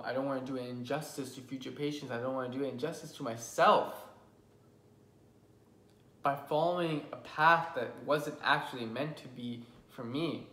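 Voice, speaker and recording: A man's voice: mid-range voice, a bit bright. A young man in his twenties telling a personal story to camera in an earnest, emotional vlog, stumbling and restarting often. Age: 20s. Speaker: vlogger. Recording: roomy with faint background hum.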